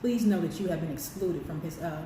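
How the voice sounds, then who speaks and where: A woman's voice: fairly low pitch, a little fast, recorded from a distance. A woman co-hosting an impassioned political discussion, speaking emphatically and firing rhetorical questions at her listeners. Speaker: co-host. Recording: very echoey room, voice off-mic, faint noise.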